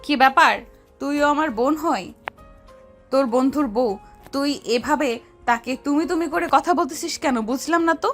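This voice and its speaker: A woman's voice: high-pitched, normal speed, faint music behind, close to an everyday voice. A woman playing a bossy, hot-tempered older sister who scolds and commands in an audio drama. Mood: scolding. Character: bossy older sister, domineering, quick to anger. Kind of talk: Bengali audio love-story drama.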